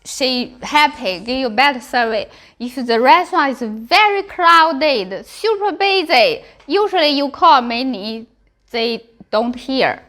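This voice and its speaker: A woman's voice: high voice, lively intonation, takes it slowly, sharp tone. A woman with a Chinese accent teaching a language class, repeating example words in simple, choppy English and often checking in with the students. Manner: simple choppy English with frequent check-ins like "okay" and "yeah".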